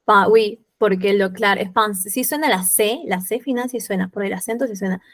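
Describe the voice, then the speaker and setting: Woman teacher, patient French lesson. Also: medium pitch. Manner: slow and patient, repeating each French word and then its Spanish meaning. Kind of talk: online class, explaining vocabulary.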